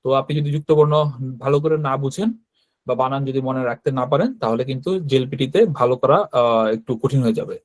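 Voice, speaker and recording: A man's voice: medium pitch, fast talker, no echo. Man teaching in Bengali, dry close sound. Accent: Bangladeshi Bengali. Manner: explains patiently, often checks in with "right?". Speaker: Japanese language teacher. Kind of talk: online class with screen sharing.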